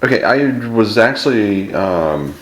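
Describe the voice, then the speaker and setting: A man's voice: on the low side, lively intonation, unhurried. A man calling a customer service line, talking casually, a little hesitant but persistent. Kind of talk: casual phone inquiry. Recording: echoey room, clear background noise.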